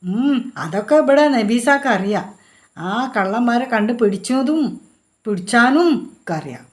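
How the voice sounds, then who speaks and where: A woman's voice: a little high, expressive, a little slow. A woman voicing a fussy, forgetful old village grandmother, scolding and easily fooled. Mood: fretful. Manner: fretful, scolding, gullible.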